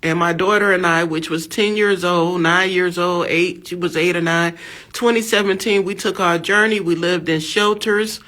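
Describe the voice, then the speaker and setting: A woman's voice: fairly low pitch, fairly even intonation, normal speed, fairly bright tone. An American woman in her fifties giving a fervent religious testimony, emphatic and exhortative, repeating her phrases. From USA. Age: 50s. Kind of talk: fervent preaching monologue.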